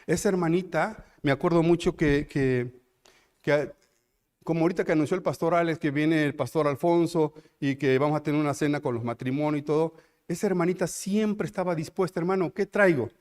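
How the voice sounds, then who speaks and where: Emphatic Mexican pastor preaching. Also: male voice, a little high. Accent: Mexican Spanish. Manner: emphatic preaching with repeated phrases and loud, slowed climaxes. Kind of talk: sermon.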